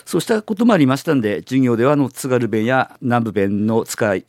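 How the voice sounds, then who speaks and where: Lively man explaining politely. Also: medium pitch, brisk, no room sound, studio quality. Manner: polite, explains with dialect examples. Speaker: university teacher, guest expert. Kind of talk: explanatory radio-style interview talk.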